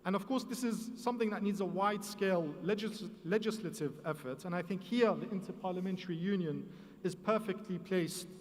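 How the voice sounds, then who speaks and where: A man's voice: high voice, fairly quick. A man giving a formal speech at a conference, speaking earnestly. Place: large conference hall. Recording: distant mic, long hall reverb.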